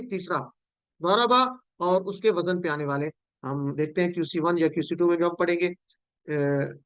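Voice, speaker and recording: A man's voice: high-pitched, fairly bright tone, smooth, dry recording. A man from Pakistan teaching Quranic Arabic in an online class, patiently drilling word forms and calling on students.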